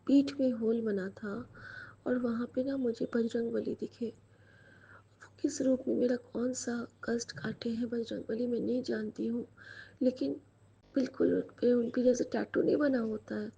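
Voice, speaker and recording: A woman recounts her dream in a hushed, confiding way, slipping into whispers at times. Her voice is very husky and gravelly, pitched somewhat high. The recording is dull and lo-fi. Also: fairly even intonation, measured pace. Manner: hushed, intimate storytelling with fillers and soft whispered stretches. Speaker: devotee sharing a dream. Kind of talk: personal spiritual testimony.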